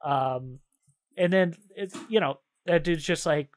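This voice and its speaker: Speaking slowly, a man with a slightly high voice co-hosts a podcast, rambling with enthusiasm and loose slang in what sounds like a relaxed chat about games and shows.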